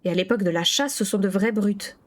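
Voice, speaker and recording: A woman's voice: medium pitch, fast, natural voice. Woman doing chill joking young guy, barely changes her voice. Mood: teasing.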